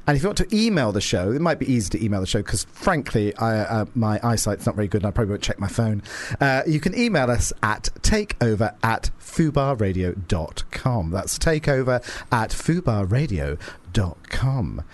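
Camp middle aged guy hosting radio, drag diva style, really animated and drawn out. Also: lowish voice. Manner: theatrical drag-diva delivery with drawn-out words and endearments. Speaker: radio show host. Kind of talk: campy, theatrical radio presenting.

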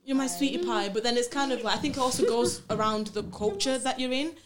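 A woman chatting casually in a group, animated and playful in how she tells things. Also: a little high, quick pace, crowd noise. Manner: animated, puts on playful voices when telling stories.

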